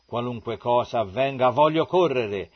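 A man's voice: mid-range voice, normal speed, muffled recording, lightly acted. A man reading the lines of an eager young male messenger, pleading and keen.

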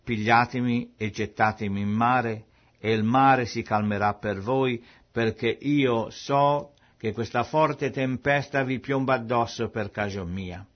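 A man reading aloud voices a resigned prophet who speaks gravely and calmly. The voice sits at an ordinary male pitch. The recording is dull and lo-fi. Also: measured pace, close to an everyday voice.

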